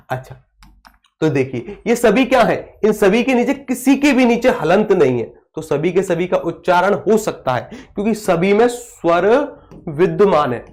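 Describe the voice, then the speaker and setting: A man's voice: high voice, a little mellow. A man teaching a live online class, asking questions and answering them himself, and stopping to reply to viewer comments.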